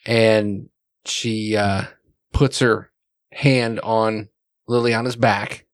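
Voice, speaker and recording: A man's voice: lowish voice, fairly even intonation, extremely slow, no room sound. A man running a tabletop game as game master, narrating with many fillers and putting on voices for the characters.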